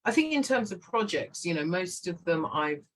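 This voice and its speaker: A middle-aged woman talks about her writing in a lively, warm-humoured way. She laughs often and tells her stories with animation. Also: fairly low pitch, moderate pace, poor audio. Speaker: guest writer. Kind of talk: conversational interview.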